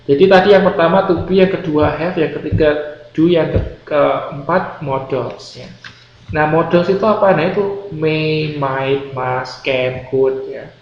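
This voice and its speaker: A man's voice: on the high side, steady tone, measured pace. A man teaching an English grammar class, explaining patiently, repeating key words and quizzing his students. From Indonesia. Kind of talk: classroom lecture. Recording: roomy classroom, dull lo-fi sound, faint noise.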